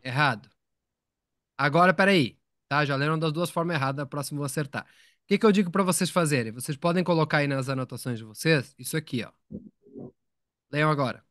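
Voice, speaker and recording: A man's voice: fairly high pitch, a little fast, a bit bright, no room sound, studio quality. A man teaching English in a live online lesson, explaining patiently, repeating words and asking his students questions.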